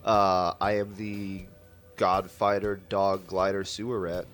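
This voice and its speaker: Low-pitched dude recapping the last session, jokey, lots of uh. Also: male voice, level tone, slow pace, a bit bright, soft background music. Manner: lots of "uh" fillers, joking. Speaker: player. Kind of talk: casual recap.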